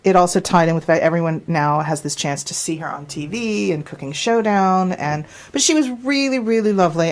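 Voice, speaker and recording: Woman, radio guest, slightly low voice, chatty, upbeat. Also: darkish tone. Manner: chatty, upbeat, laughs easily. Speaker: regular guest on radio show. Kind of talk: casual radio chat.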